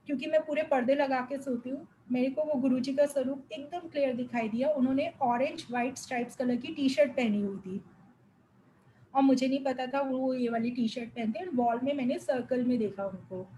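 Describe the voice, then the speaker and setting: A woman's voice: sits high, darkish tone, slight background noise, poor audio. A young woman giving an earnest, emotional spiritual testimony to a congregation, mixing English words into her speech. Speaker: devotee sharing a testimony.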